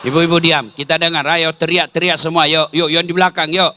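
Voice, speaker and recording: A man's voice: a little high, flat delivery, brisk, sharp tone, no echo. A man preaching a humorous sermon to a large religious gathering, teasing the crowd and leading it in chanting. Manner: joking, teasing the audience. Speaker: Islamic preacher.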